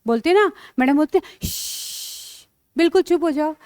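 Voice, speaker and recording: A woman's voice: high voice, lively intonation, fast, a little mellow, no room sound, clean studio sound. A woman with an Indian accent teaching phonics to young children, sounding out words letter by letter and calling the listeners "beta".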